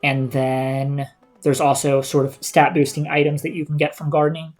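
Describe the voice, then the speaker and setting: A man's voice: fairly high pitch, monotone, normal speed. A man giving casual live gameplay commentary as a streamer, indoors over game audio. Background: game music.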